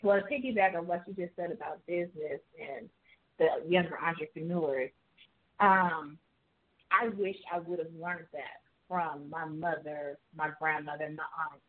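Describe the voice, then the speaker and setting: A woman's voice: low voice, moderate pace. A woman from Jamaica talking earnestly in casual conversation, telling stories from her life. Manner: earnest, storytelling, fillers like "like" and "you know". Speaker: author and guest. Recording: tinny phone-like audio.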